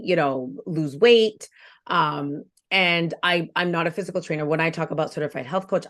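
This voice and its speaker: A woman in her forties, a health coach guest on a podcast interview, speaking in an earnest, reflective way and often repeating phrases for emphasis. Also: low-pitched. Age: 40s.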